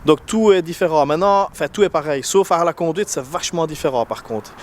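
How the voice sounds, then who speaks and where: A man with an unusual French accent chats his way through a casual car vlog, with a slightly high voice. He hesitates, fills gaps and restarts his sentences often. The recording is noisy, with clear car and street sound behind him. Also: a little fast. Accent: non-standard French accent. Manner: chatty, hesitant, many fillers and restarts. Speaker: car channel host. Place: in a car, then outdoors beside parked cars. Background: vehicle and street noise.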